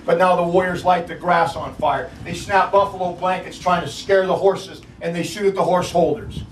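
A man's voice: sits high, fairly even intonation, moderate pace. A male park ranger telling a battle story vividly outdoors, acting out the people in it. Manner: vivid, acts out quotes. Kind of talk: dramatic historical storytelling. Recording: echoey, distant from mic, faint noise.

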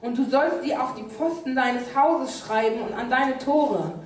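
Young woman, interpreter, high voice, steady phrase-by-phrase delivery, very echoey church hall. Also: unhurried, far from the mic. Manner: steady, plain delivery following the preacher phrase by phrase. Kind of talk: live sermon interpretation. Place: large church hall with stage. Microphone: handheld mic, filmed from far.

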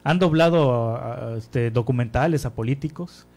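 A man hosting a radio interview, asking short curious questions and giving quick affirmations. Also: mid-range voice, vocal fry, darkish tone, soft background music. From Sonora, Mexico.

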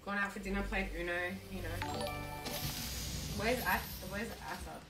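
A woman's voice: mid-range voice, steady tone, moderate pace, over loud music. A young woman chatting and joking while streaming a game, reading out viewer chat and swearing freely. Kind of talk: casual chat while gaming. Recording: distant mic with loud background noise.

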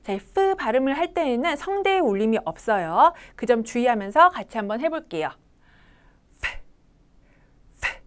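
A woman with a Korean accent teaching children English pronunciation, slowly coaching them to repeat each sound. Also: on the high side. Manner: slow, lively, coaching kids to repeat sounds.

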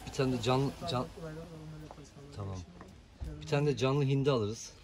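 A man's voice: mid-range voice, unhurried, crowd noise. A man hosting a casual chat, teasing and reassuring his friend with many questions. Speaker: host.

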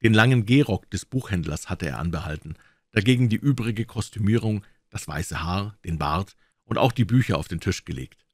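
A man's voice: lowish voice, animated, normal speed, dry recording, studio quality. A man narrating a classic detective story as an audiobook reader. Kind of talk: scripted narration.

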